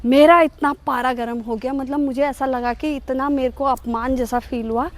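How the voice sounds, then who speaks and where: High-voiced woman storyteller. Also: normal speed. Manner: animated, self-mocking. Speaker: vlogger. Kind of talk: comic storytelling.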